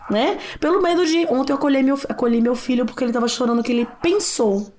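A woman's voice: sits high, quick pace, a little mellow. Reflective Brazilian woman guest explaining. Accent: Brazilian Portuguese. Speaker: guest expert, writer and psychoanalyst. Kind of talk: conversational explanation.

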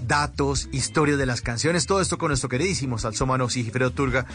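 A man's voice: medium pitch, steady tone, fast talker, a bit bright, soft background music. A man hosting and introducing a live radio show.

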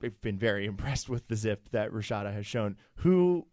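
A man's voice: on the low side, lively intonation, normal speed, a little mellow, no room sound, studio quality. A young man co-hosting casual sports talk, rambling with many fillers and restarts. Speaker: sports show co-host.

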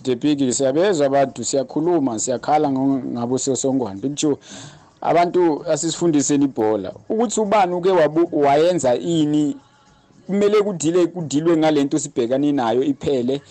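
A man's voice: a little high, mellow. A South African man calling a sports show with a casual, opinionated complaint, repeating himself as he goes.

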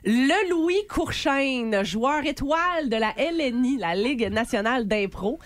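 A woman's voice: sits high, lively intonation, no echo. A woman with a Quebec French accent chatting casually as a radio co-host, running through a list with many fillers. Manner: chatty, quick rundown with frequent fillers.

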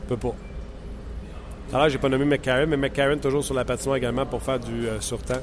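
A man with a Quebec French accent co-hosting sports talk radio, giving blunt, quick opinions. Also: mid-range voice, little pitch movement, noisy background.

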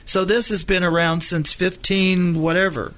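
A man co-hosting a radio travel show, chatting casually and rambling a little, clearing his throat now and then. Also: sits high, level tone, moderate pace, fairly bright tone.

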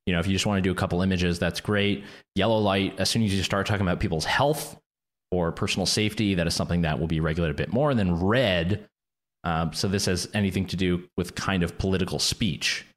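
Deep-voiced man explaining tech policy. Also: fast. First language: not English, speaks three languages. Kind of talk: policy discussion.

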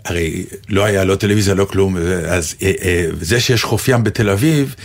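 A middle-aged man from Israel co-hosts a casual radio chat. His voice sits fairly low. He talks in an easygoing way and drops dry, wry remarks. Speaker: radio show co-host.

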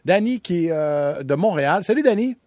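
A Québécois radio host introduces callers with lots of "euh" fillers. His voice is high for a man and swings widely in pitch. The studio sound is close and dry. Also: normal speed, no echo. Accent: Québécois French. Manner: hesitant fillers, expressive intonation. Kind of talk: radio hosting, taking calls.

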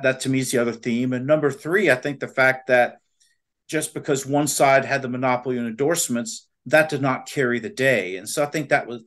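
A man, a political analyst laying out his points one by one in an animated way. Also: medium pitch. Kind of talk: analytical commentary.

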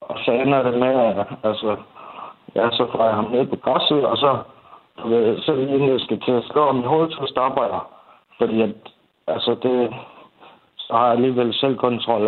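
A young man speaks in a candid interview, his sentences full of restarts, fillers and swearing. His voice sits at an average pitch. The recording sounds narrow and tinny, like a phone line. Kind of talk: candid interview about family conflict.

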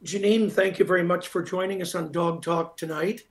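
A man's voice: high-pitched, fairly even intonation, moderate pace. A Canadian man hosting live radio talk and making announcements, repeating details for emphasis. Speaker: radio talk show host.

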